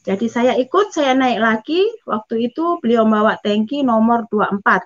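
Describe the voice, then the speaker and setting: A young woman giving a personal testimony, telling her story lively and acting out the dialogue. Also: a little high, normal speed. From Java, Indonesia. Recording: dull lo-fi recording.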